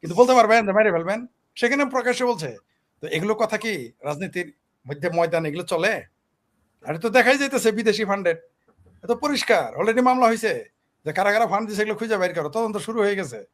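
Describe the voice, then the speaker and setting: A man argues politics on a talk show, his voice sitting high for a man. He speaks with force and keeps pressing his point through one rhetorical question after another. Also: animated, fast talker. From Bangladesh. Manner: emphatic, fires rhetorical questions. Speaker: political commentator.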